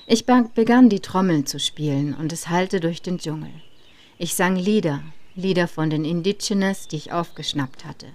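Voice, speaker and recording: A woman in her thirties narrating a personal travel story in a calm, reflective way. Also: fairly low pitch. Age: 30s. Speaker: podcast narrator.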